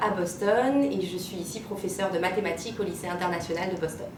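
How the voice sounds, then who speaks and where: A woman, a maths teacher chatting in an interview and pausing often on "euh". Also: loud music behind the voice. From Martinique. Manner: chatty storyteller, many "euh" pauses. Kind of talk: casual interview answers. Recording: roomy, distant mic, rumbling noise.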